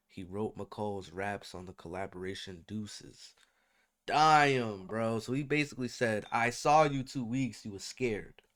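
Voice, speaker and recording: A man giving casual reaction commentary in slangy, exclaiming talk, often repeating himself for emphasis. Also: on the low side. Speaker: reaction video host.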